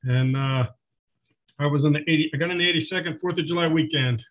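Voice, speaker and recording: A man in his sixties, an old veteran remembering his service, talking in a halting, matter-of-fact way with many pauses as an interview guest. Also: on the high side, fairly bright tone, muffled recording. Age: 60s. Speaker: interview guest, retired Special Forces soldier. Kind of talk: unscripted reminiscing in an interview.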